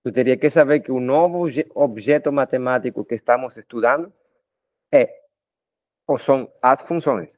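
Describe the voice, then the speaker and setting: A middle-aged Colombian man with a Spanish-speaker's accent gives a math lecture in a casual, conversational way. He keeps checking in with his students through little tag questions. The recording is dry and close, with a muffled, lo-fi tone and a voice of middling pitch. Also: normal speed, dry recording. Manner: talkative, addresses students informally with frequent tag questions. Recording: dull lo-fi dry sound.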